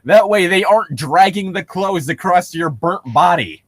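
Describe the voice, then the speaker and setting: A man hosts a casual read-along, moving between reading a story aloud and sarcastic, nitpicking, sometimes profane commentary that mocks it. His voice is high-pitched, expressive, a bit bright and slightly rough at a moderate pace, with no echo.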